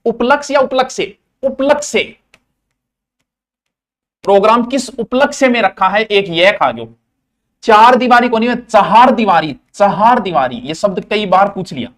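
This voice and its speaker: A high-pitched man leads a grammar lesson in a classroom style. He drills each word through repetition. He throws in playful, folksy asides between the drills. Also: measured pace, fairly bright tone. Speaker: Hindi grammar teacher. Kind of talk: classroom lecture.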